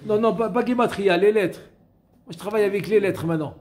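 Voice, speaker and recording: A man giving a Torah class, lively and questioning, repeating key phrases and chanting verses slowly. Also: high voice. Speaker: rabbi teaching a Torah class. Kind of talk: Torah lesson with storytelling.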